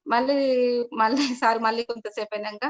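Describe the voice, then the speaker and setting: A woman's voice: a little high, steady tone, brisk. A middle-aged woman shares her meditation experience, telling the story in a rambling way with frequent restarts and repeated polite address. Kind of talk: personal testimony told to an online meeting. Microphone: video call. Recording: dull lo-fi video call audio.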